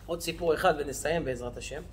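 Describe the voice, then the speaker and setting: A male rabbi telling stories in a lesson, lively, acting out the characters' voices. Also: a little high, a little hiss or hum. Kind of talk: storytelling lesson.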